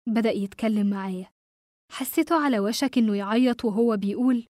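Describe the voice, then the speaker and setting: Egyptian woman reading a scary story, mellow low-ish tone, dry close mic. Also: quick pace, no echo. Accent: Egyptian Arabic. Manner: steady, suspenseful storytelling. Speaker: narrator. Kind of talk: scripted horror story narration.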